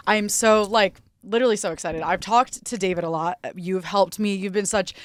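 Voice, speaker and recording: A woman's voice: medium pitch, moderate pace, no room sound. A young woman from Florida hosting a podcast, bubbly and gushing, with lots of "like" fillers. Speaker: podcast host. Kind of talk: casual chat.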